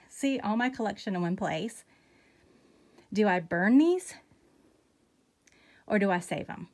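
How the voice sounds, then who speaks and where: A woman, chatting casually in a vlog and reading off a long list of items one after another, a little out of breath. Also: mid-range voice. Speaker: candle collection vlogger. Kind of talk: casual chat, listing items.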